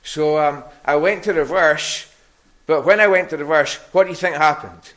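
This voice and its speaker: A middle-aged man with a Scottish Hebridean accent, giving a conversational children's sermon as an animated story with questions to his listeners. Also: a little high, normal speed. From Harris, Scotland. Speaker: preacher giving a children's talk.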